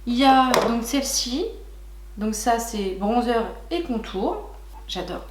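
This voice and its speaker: A young woman chatting warmly to her viewers while unboxing makeup, gushing and filling pauses with little hesitations. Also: on the high side, lively intonation, echoey room. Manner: chatty and gushing, many fillers, talks to viewers as "licornes". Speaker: beauty vlogger. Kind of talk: casual makeup haul chat.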